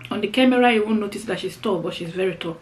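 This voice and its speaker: A middle-aged woman talks casually to her viewers as she has a meal on camera. Her voice sits at an ordinary pitch, and she explains things conversationally, circling back over phrases. There is noticeable noise behind her. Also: fast talker, rough recording. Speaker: mukbang vlogger. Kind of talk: casual chat to viewers while eating. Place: indoors, seated on the floor.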